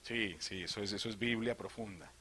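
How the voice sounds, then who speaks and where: A man from Colombia, a priest, giving an animated theology talk to a live audience, asking questions and joking. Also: fairly low pitch, brisk, husky. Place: retreat hall.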